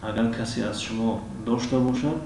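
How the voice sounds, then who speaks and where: A man with a Tajik accent teaches in a measured, hesitant way, stretching his fillers and saying each example word more than once. His voice sits at an ordinary middle pitch. He is recorded from a distance in a very echoey room with a faint hiss behind him. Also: darkish tone. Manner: hesitant, with many drawn-out fillers and frequent throat-clearing. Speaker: English teacher. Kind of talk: language lesson.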